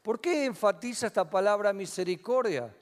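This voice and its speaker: High-voiced Rioplatense pastor preaching. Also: male voice, lively intonation, moderate pace. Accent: Rioplatense Spanish. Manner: asks the congregation questions and answers them. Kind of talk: sermon. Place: church hall. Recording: long hall reverb.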